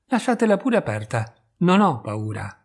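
A man putting on a terrified young bride who cries out in high, pleading bursts, her voice husky and strained. She sounds breathless and frantic throughout, as if read from a storybook. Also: big pitch swings, moderate pace, heavily acted. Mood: frightened.

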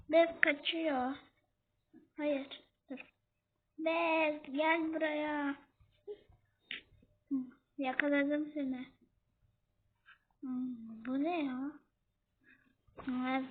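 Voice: high-pitched, steady tone, extremely slow, long pauses. A young gamer chatting to viewers and scolding an in-game baby during a horror game. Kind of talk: casual gameplay commentary. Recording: tinny phone-like audio with faint noise.

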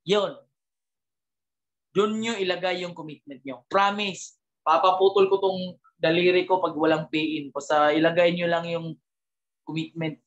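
A man with a fairly high pitch gives a spirited motivational address at a business team event, keeping a measured pace with long pauses. He weaves English words into his talk and frequently asks rhetorical questions, though the recording sounds muffled.

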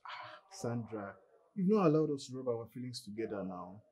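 A young man, playing a smooth-talking boyfriend who coaxes and wheedles. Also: mid-range voice, very animated, normal speed, warm tone, natural voice. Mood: coaxing. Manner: coaxing, wheedling.

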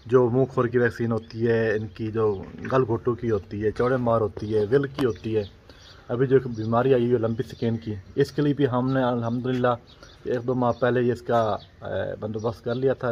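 A dairy farmer, explaining his heifer business in a steady, unscripted way with frequent hesitation sounds. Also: medium pitch, a little hiss or hum. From Pakistan. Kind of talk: unscripted interview answers. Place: outdoors at a farm. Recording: slightly dull outdoor recording.

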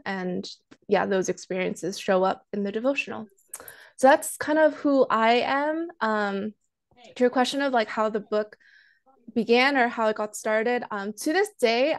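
A woman in her thirties, a guest author and counselor, talking casually on a video call through an earphone mic from her living room, soft-spoken and self-deprecating with many ums. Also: mid-range voice. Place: living room at home, indoors. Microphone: earphone headset mic on video call.

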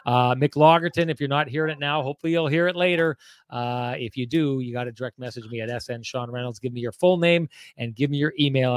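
A man's voice: mid-range voice, dry recording, clean studio sound. A man, hosting a casual sports podcast over a video call and reading sponsor spots. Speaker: podcast host. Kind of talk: casual sports chat with ad reads. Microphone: handheld mic on video call.

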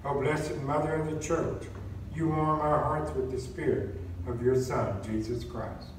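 Lector, male, mid-pitched, measured formal reading; cathedral echo, heard from across the church. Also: fairly even intonation. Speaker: lector and cantor. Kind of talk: liturgical reading and chanted psalm. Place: large church. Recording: echoey church, distant mic, faint noise.

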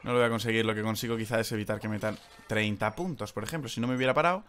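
A young man with a Spain Spanish accent, streaming live gameplay commentary, excitable, swinging from loud outbursts to low mutters. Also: racing.

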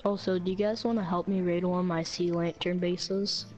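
Low-voiced, wisecracking woman. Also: flat delivery, a little mellow, soft background music, low-quality recording. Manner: quick, wisecracking interjections. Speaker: player in the group. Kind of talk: casual gaming chat.

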